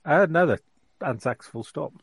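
A man chatting casually as a player in a tabletop game, halting and often repeating his words. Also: on the high side, lively intonation, gravelly, husky. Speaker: tabletop role-playing player. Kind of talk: casual chat.

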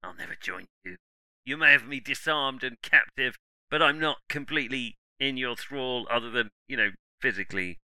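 A man's voice: medium pitch, moderate pace, bright, forceful tone, clean tone, no echo, poor audio. A man voicing a nervous, indoctrinated young stormtrooper who talks stiffly and recites slogans. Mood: defiant. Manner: rigid, defensive, recites slogans.

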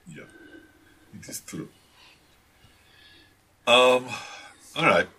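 A man's voice: medium pitch, lively intonation, very slow, pushed and bright, breathy edge. A man, a tabletop game master, chatting casually and hesitantly with many restarts and fillers. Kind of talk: casual chat.

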